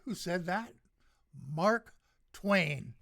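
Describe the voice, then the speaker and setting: Older radio host, solo commentary, unhurried, sarcastic, rambling. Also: mid-range voice, expressive, a bit bright. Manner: sarcastic, slow, rambling with many fillers. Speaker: radio talk show host.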